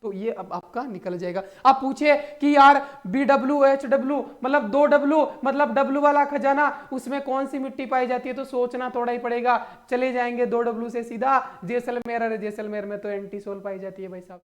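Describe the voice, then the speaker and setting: A man's voice: very high voice, fairly even intonation, moderate pace, few pauses. A man coaching students for exams, teaching through playful mnemonic stories and rhetorical questions, often calling his listeners brother and friends. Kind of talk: energetic exam-prep lesson.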